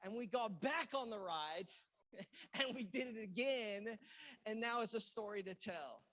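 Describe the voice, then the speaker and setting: Animated storytelling male pastor from England. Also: high voice, measured pace. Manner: animated storyteller who acts out quoted lines with loud outbursts. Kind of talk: sermon storytelling. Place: church in Los Angeles.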